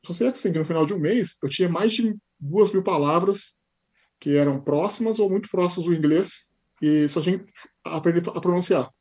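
A man from Brazil with a São Paulo Portuguese accent, a podcast guest telling stories in a lively casual way with frequent tag questions. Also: sits high, brisk, breathy edge. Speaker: podcast guest, high school teacher. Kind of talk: casual interview storytelling.

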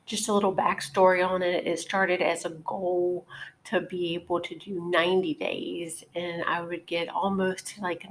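A woman with a low-leaning, slightly raspy voice, worn down by a cold, hosts her own podcast. She rambles casually with plenty of fillers and restarts. A faint hiss sits under the recording. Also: fairly bright tone, poor audio. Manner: chatty, with many fillers and restarts. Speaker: podcast host. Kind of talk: casual solo podcast talk.

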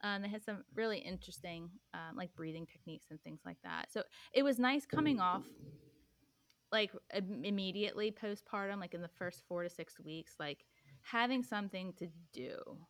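A woman's voice: mid-range voice, moderate pace, a bit bright, no echo. A young woman talking casually as a podcast guest, rambling with lots of "like" and "um". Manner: rambling, full of "like" and "um". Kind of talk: casual chat.

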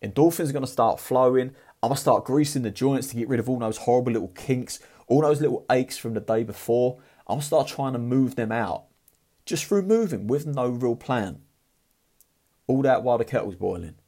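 Blunt, husky man. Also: mid-range voice, warm tone. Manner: blunt, profane and fired-up. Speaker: motivational vlogger. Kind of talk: casual motivational talk.

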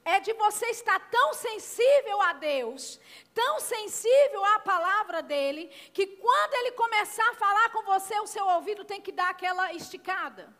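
A Brazilian woman preaches an emphatic sermon in a very high, bright voice. She keeps prompting her congregation for responses. Her voice rings through a long reverberant hall. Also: lively intonation, normal speed. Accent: Brazilian Portuguese.

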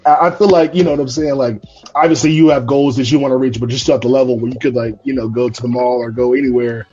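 Husky young man hosting a casual chat. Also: medium pitch, quick pace. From North Carolina. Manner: relaxed, many restarts and fillers, enthusiastic. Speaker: podcast host. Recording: lo-fi live stream audio with faint music.

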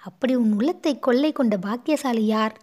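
A woman's voice: fairly high pitch, normal speed, natural voice. A woman voicing a composed royal princess who speaks firmly but soothingly, in a storybook reading. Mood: calm. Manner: firm yet gently soothing. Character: composed royal princess, elder-sister manner.

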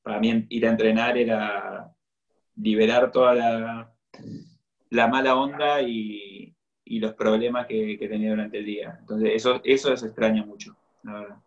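A man with a Latin American Spanish accent chatting casually and hesitantly, with pauses. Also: on the low side, fairly even intonation, muffled recording. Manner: hesitant, pausing. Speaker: athlete guest. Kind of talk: casual conversation.

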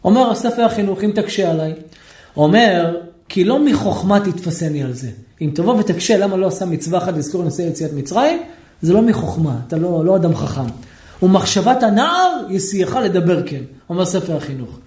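A man, a rabbi, teaching a lively Torah lesson, questioning his listeners and acting out shouting people. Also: sits high, roomy sound. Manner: animated, asks the audience questions, acts out shouting people.

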